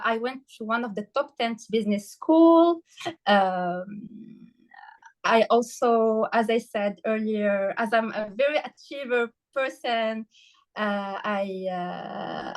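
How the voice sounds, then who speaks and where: A woman from Morocco speaks as a guest in an interview, her voice a little high and her pace slow. She hesitates often, with fillers and restarts, and emotion shows as she tells her story. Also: expressive, rough recording. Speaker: podcast guest, health coach. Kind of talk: casual interview conversation.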